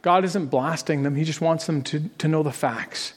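A man's voice: on the high side, normal speed, big-room sound. A man preaching a sermon as a pastor, earnest and conversational, building up to emphatic peaks on key phrases.

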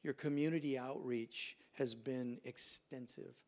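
A man's voice: mid-range voice, fairly even intonation, measured pace, a little mellow. A man preaching a sermon as pastor in a church, telling stories and acting out the people in them. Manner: storytelling, acts out quoted voices. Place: church sanctuary.

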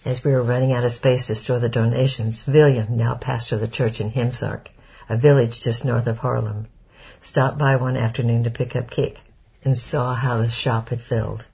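Gravelly, husky male audiobook narrator. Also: medium pitch, level tone, normal speed, a little mellow. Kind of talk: scripted first-person narration.

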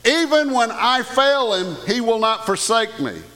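Folksy preacher in an echoey church. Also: male voice, very high voice, expressive, measured pace, bright, forceful tone. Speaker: pastor. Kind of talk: sermon. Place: church sanctuary. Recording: echoey hall with long reverb.

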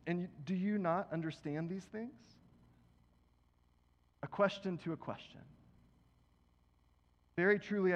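Man preaching in an echoing hall. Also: fairly high pitch. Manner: conversational preaching, reading scripture aloud with emphasis. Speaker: pastor. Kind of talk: sermon. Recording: dull, reverberant hall.

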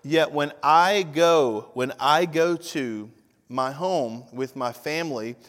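A man's voice: on the high side, takes it slowly, fairly bright tone. A man in his fifties, a pastor preaching a conversational sermon with frequent direct asides to the congregation. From Tennessee. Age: 50s. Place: church sanctuary. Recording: long reverb of a church hall.

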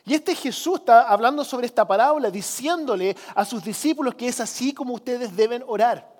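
A man's voice: very high-pitched, lively intonation, a little fast, a little mellow, long reverb tail. A man preaching a sermon as pastor, earnest and urging, acting out the voices in the stories he tells.

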